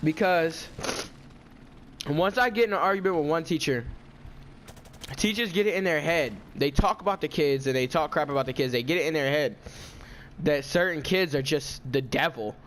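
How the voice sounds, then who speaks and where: A man's voice: on the high side, moderate pace, long pauses, a bit bright, a little hiss or hum. A teenage boy telling a storytime vlog in a casual, indignant, ranting way. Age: teens. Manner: indignant, ranting, self-justifying.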